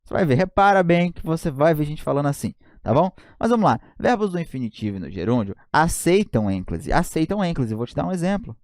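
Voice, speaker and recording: A man's voice: on the high side, big pitch swings, a little fast, few pauses, a little mellow, no room sound, studio quality. A man with a Brazilian Portuguese accent teaching an online grammar lesson, joking and often checking in with his students.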